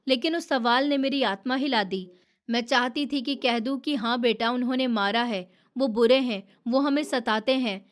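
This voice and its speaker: A woman telling a sad family story in the first person, in a soft, emotional storytelling manner. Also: a little high. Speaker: narrator.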